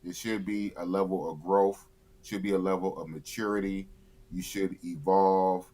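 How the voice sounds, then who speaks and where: A man's voice: deep voice, fairly even intonation, moderate pace, warm tone. A man of fifty, a YouTuber guest in a casual live interview, blunt and opinionated, often repeating himself. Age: 50s.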